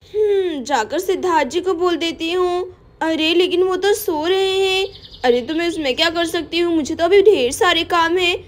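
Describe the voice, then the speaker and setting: Figure: chatty, bossy young housewife played by a woman. Pitch: very high. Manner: talks to herself, scolds. Style: doll-play storytelling. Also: moderate pace. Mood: scolding.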